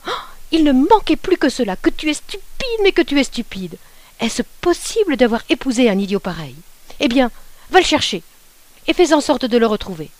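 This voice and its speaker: Woman doing a sharp-tongued scolding young wife. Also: medium pitch, moderate pace, no echo, close to an everyday voice. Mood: furious. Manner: scornful, scolding.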